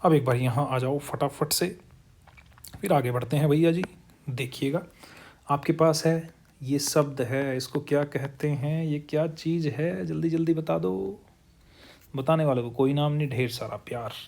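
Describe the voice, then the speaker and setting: A man's voice: on the high side, creaky, darkish tone. Playful Hindi-speaking English teacher, man. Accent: Hindi-accented English. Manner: playful, teasing, calls students "buzurgon" and "bhaiya ji"; repeats words slowly for pronunciation drill. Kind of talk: online grammar lesson.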